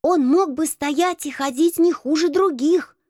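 A woman reading an audiobook, voicing eager young street boys in a shrill, excited manner. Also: moderate pace, dry recording, studio quality. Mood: proud. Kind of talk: audiobook character voice.

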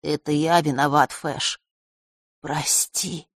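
A woman's voice: mid-range voice, very animated, takes it slowly, dry recording, studio quality, full character voice. A woman voicing a frightened young boy who speaks anxiously. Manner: anxious, pleading.

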